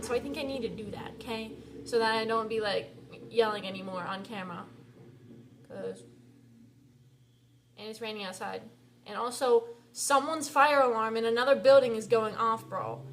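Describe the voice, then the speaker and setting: A woman's voice: a little high, slight background noise. A young woman talking straight to camera in a casual vlog, venting and full of fillers. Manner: chatty, fills talk with "like", "bro" and "dude"; irritated, venting. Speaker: vlogger.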